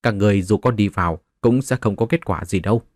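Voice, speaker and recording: A man's voice: lowish voice, quick pace, a little mellow, dry recording, clean studio sound. A man narrating a martial-arts novel as a scripted audiobook, voicing the characters in his own voice.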